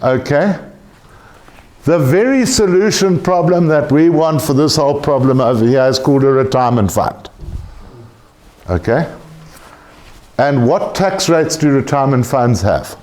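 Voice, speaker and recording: A man's voice: medium pitch, expressive, measured pace, pauses often, darkish tone. A man lecturing a class on tax, blunt and joking, swearing casually.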